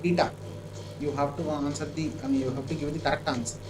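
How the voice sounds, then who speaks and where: A man's voice: a little high, level tone, fast talker. A man with an Indian accent teaching a live online maths lesson, working a problem aloud, repeating himself and asking checking questions. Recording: echoey room with clear background noise.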